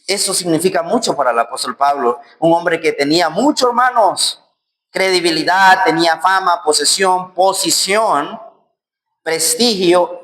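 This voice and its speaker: High-voiced pastor preaching. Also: male voice, a little slow. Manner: swings between loud emphatic lines and low soft passages; acts out quoted voices and prayers. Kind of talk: sermon.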